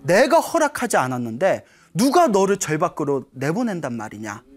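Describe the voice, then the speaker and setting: A woman voicing the Buddha as a calm, all-knowing master in a storytelling sermon, speaking slowly and quietly. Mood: gentle. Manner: slow, hushed and lower than her own talk.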